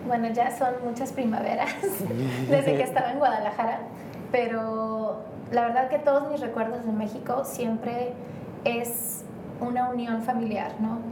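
A casual interview features a Mexican woman as guest, who meanders and hesitates, using many fillers. Her voice is on the high side, steady in tone and a little slow. It's recorded in a roomy, distant way with faint noise.

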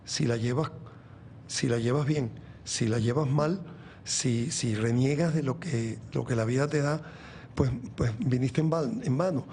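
A man's voice: mid-range voice, unhurried, a little mellow, a little hiss or hum. A Venezuelan man in his sixties, a guest in an interview, talking earnestly about faith, rambling with many restarts. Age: 60s. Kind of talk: reflective faith talk in an interview.

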